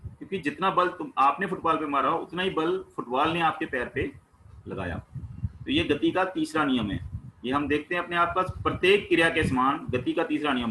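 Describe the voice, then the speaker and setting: Bright-voiced man teaching science. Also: fairly high pitch, a little hiss or hum, rough recording. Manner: asks questions and answers them himself; plain everyday explanations with household examples. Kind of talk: explaining a class 9 worksheet.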